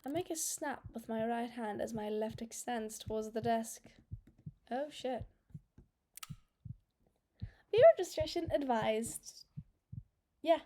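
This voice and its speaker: A woman playing a story game, reading its lines aloud and reacting with animated, excitable commentary. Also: fairly high pitch, vocal fry, a little hiss or hum. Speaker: let's play gamer. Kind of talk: casual gameplay commentary, reading dialogue aloud. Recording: faint game music behind.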